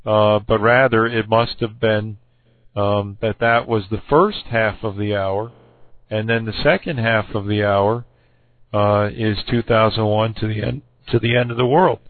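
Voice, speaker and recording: A man laying out a Bible interpretation to someone he disagrees with, halting and correcting himself, with many fillers, and losing his voice. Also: lowish voice, steady tone, no echo, narrow, tinny audio. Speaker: Bible debater. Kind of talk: recorded argument addressed to another person.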